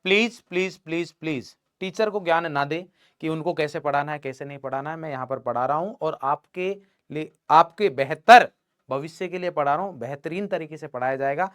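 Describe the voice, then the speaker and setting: Bright, teasing young male teacher. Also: a little high, a little fast, no echo, clean studio sound. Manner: playful teasing, talks to students as "beta". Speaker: chemistry teacher. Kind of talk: online class lecture.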